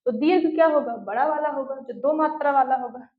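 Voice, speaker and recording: A woman teacher giving an online class, slowly putting questions and answering them herself, and dictating notes word by word. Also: high-pitched. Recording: echoey room, tinny phone-like sound.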